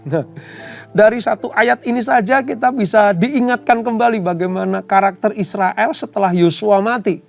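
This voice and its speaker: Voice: mid-range voice, normal speed, gravelly, faint music behind. A Bible study teacher reading and explaining scripture, often calling listeners "brother" and retelling the story with dramatic repetition.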